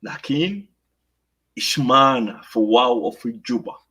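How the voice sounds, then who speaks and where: A man with a South Sudanese Arabic accent giving political commentary, slipping between Arabic and English and pausing on many fillers. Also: medium pitch, animated, bright, forceful tone, husky, low-quality recording. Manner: mixes Arabic with English phrases.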